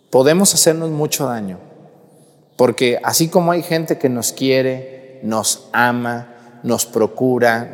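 Priest preaching under church reverb. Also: male voice, medium pitch. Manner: conversational preaching with rhetorical questions to the congregation. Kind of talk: sermon.

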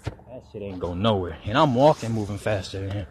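Traffic passes as a twenty-something man walks by the road, talking briskly for his podcast. His lowish voice is a little mellow with lively intonation, and his casual personal monologue rambles, peppered with free swearing.

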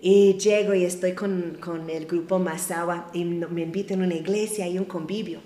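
A woman's voice: fairly low pitch, steady tone, normal speed, warm tone, reverberant. Chatty missionary woman from Michigan. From Michigan, United States. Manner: chatty, tags sentences with a questioning "no?". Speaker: missionary guest. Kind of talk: conversational storytelling.

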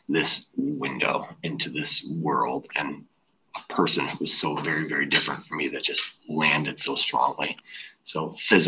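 A teacher talking casually as a podcast guest, rambling with lots of fillers and laughing easily, heard over headphones on an online call. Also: male voice, a bass voice, sharp tone, breathy edge, rough recording. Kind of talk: casual chat.

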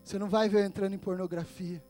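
A man pastor preaching a sermon with a Brazilian Portuguese accent, swinging between loud, emphatic passages and hushed asides. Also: sits high, little pitch movement, rapid-fire, soft background music.

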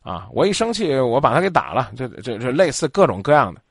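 Blunt, animated man host. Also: mid-range voice, fast talker, vocal fry, breathy edge, dry recording, studio quality. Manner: blunt, lively, scolding, acts out quotes. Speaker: radio advice show host. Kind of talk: call-in advice talk.

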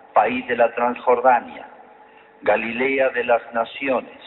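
Hombre, sacerdote en misa, lectura del Evangelio, eco de catedral, siseo de fondo leve. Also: male voice, medium pitch. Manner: measured, solemn liturgical reading. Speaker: priest. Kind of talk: reading the Gospel at Mass. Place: large church. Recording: thin phone-like sound, cathedral reverb, faint hiss.

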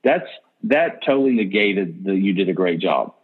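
A man in a casual group discussion, giving coaching examples in a relaxed way. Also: sits low, moderate pace, slightly rough, narrow, tinny audio.

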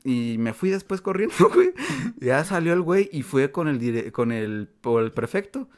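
A man's voice: medium pitch, sing-song, moderate pace. A young man with a Mexican Spanish accent, co-hosting a podcast and telling a story in slangy, casual chat, laughing often and swearing freely. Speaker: podcast co-host.

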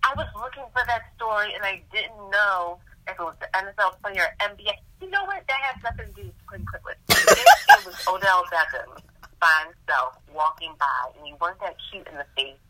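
A woman co-hosting a podcast in casual chat, animated and chatty, with frequent exclamations. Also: medium pitch, a little fast, dry recording, rough recording. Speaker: podcast co-host.

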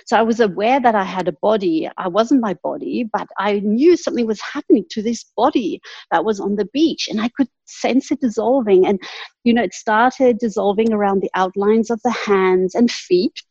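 A woman's voice: medium pitch, moderate pace, darkish tone, dry recording. A woman guest in an interview telling a personal story earnestly, often breaking into light laughs. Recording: husky voice, dull lo-fi sound.

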